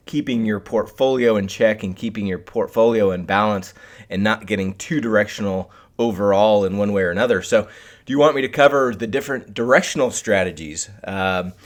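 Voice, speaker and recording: Male live-stream host, lower-pitched, casual instructor talking straight to viewers. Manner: addresses viewers directly. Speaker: host of a live trading webcast.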